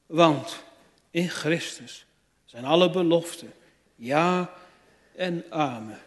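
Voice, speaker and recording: A man preaching a sermon, slow and emphatic, with rising fervent appeals and searching questions to his hearers. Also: a little high. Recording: church hall with long reverb.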